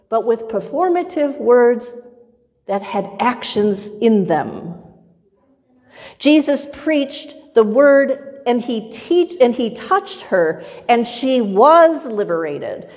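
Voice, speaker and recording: A middle-aged woman pastor preaching a sermon from a pulpit in a church, in a measured, rhythmic style with much repetition. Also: fairly high pitch, a little mellow. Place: church sanctuary with pipe organ, far camera. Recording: long church reverb.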